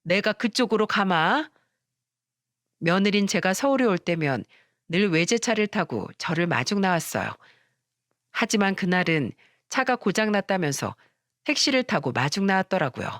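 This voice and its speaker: A woman calmly narrating a scripted first-person story. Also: lowish voice, normal speed, dry recording, studio quality.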